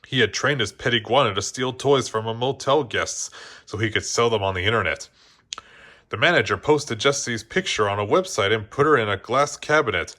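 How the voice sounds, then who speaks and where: A man reads a children's story aloud from a script in a mid-range voice with a bright, forceful tone. Now and then he stumbles over a word and goes back to reread it.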